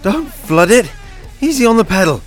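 An actor playing a reckless, thrill-seeking man in an audio drama, shouting in a frantic, profane way. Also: high-pitched, very animated, moderate pace, soft background music. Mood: frantic, angry.

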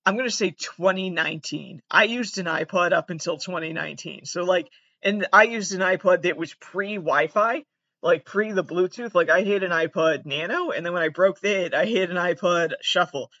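A man from the United States with vocal fry and a monotone, deadpan delivery, hosting a podcast as a casual, self-deprecating, sweary comedic monologue. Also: high-pitched, normal speed, no room sound, highs cut off. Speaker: podcast host.

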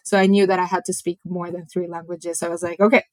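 Soft-pitched woman. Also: level tone, no echo. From Japan. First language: Japanese. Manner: reflective, measured, searches for words. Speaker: podcast guest. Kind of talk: personal storytelling in conversation.

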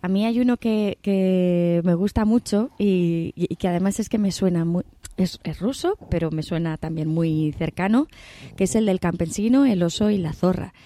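A woman's voice: on the low side, moderate pace, no echo. A woman with a Peninsular Spanish accent, from the Valencia region, casually retelling a folk tale as a guest. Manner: chatty, lively retelling. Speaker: guest commentator. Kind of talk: casual storytelling.

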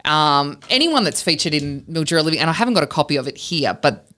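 A woman's voice: low-pitched, very animated, quick pace, fairly bright tone. An Australian woman co-hosting a podcast, teasing the others and steering the chat. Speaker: podcast co-host. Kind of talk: casual chat.

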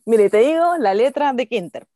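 A Chilean woman spins a funny childhood story for a casual podcast, slangy and animated, jumping between hushed asides and loud shouts through laughter. Her voice is close and dry, with no room sound around it. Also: fairly high pitch, moderate pace, dry recording. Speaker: podcast co-host.

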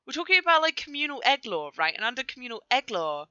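A Canadian woman co-hosting a podcast in casual, joking banter, animated and swearing freely. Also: high voice, fast talker, clear, resonant tone, no room sound, lo-fi sound. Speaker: podcast co-host.

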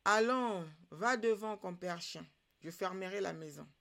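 A woman's voice: mid-range voice, a little slow, gravelly, fairly bright tone. A woman voicing a crafty male wild cat in a folktale, speaking in a commanding, scolding way. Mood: scheming.

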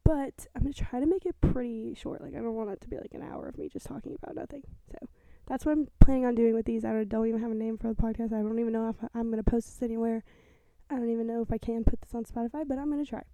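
Young woman in her twenties, hushed rambling bedroom podcast, very mellow tone, gravelly fry on a slightly high voice. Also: fairly even intonation, rapid-fire, no room sound. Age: 20s. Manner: rambling and hesitant, heavy use of filler words; talking quietly and self-consciously. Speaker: podcast host. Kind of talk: casual solo podcast monologue. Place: her bedroom, sitting in bed. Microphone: small mic with a fluffy windscreen.

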